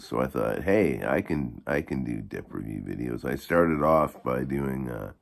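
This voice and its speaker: A man with a gravelly voice giving a rambling, halting, casual product review in the manner of a video blogger. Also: a bass voice. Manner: halting, rambling delivery with repeated false starts.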